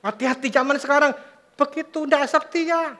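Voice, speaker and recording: A middle-aged man, preaching a sermon as pastor, telling animated stories with quoted voices and jokes. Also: extremely high pitch, moderate pace.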